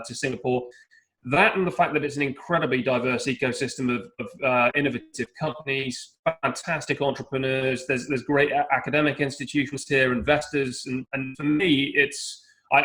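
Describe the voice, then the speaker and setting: Measured man from London on a panel. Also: mid-range voice, a bit bright, poor audio. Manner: measured, with frequent restarts and hedges. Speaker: panelist, startup founder. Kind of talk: panel discussion.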